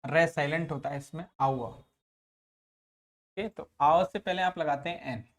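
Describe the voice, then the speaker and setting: A man with a Rajasthani accent teaching an English lesson, slowly repeating words and drawing out their pronunciation. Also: fairly high pitch. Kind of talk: classroom lesson.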